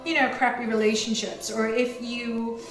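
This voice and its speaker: A woman from Hong Kong, a guest life coach, talking in a lively interview and often laughing as she tells stories. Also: a little high, normal speed. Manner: lively, laughing storyteller who acts out other people's voices. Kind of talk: conversational interview. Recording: roomy echo with music underneath.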